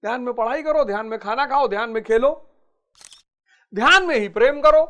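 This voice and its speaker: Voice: medium pitch, brisk, fairly bright tone. A spiritual teacher giving a motivational talk, urging listeners on and repeating key phrases.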